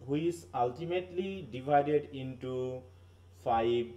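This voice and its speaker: Teacher explaining with frequent check-ins. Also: male voice, a little high, drawn-out words, mellow, far from the mic, lo-fi sound. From Bangladesh. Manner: explanatory, often checks understanding with tag questions; mixes in English terms and phrases. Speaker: English literature teacher. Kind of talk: live online class lecture.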